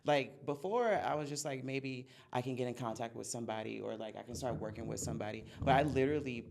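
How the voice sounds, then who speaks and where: A man's voice: medium pitch, steady tone, fast, gravelly, a little mellow. A man in his mid-thirties co-hosting a podcast, chatting in an upbeat, teasing way. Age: 30s. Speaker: podcast co-host. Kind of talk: casual podcast chat.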